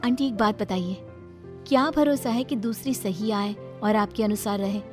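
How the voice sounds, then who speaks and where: A woman voicing a young newlywed wife in a cartoon story, speaking softly and respectfully. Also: mid-range voice, moderate pace, music in the background, natural voice. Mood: firm. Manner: soft, respectful, worried pleading. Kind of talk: cartoon voice acting.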